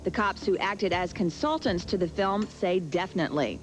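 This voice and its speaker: A woman presenting entertainment news in a brisk, upbeat scripted style. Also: on the low side, poor audio. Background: music.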